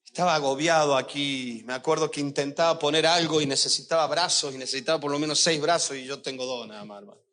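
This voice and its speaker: Fast and fairly bright, the high-leaning voice of an older pastor carries an emotional sermon in which he shares personal stories and speaks straight to those gathered.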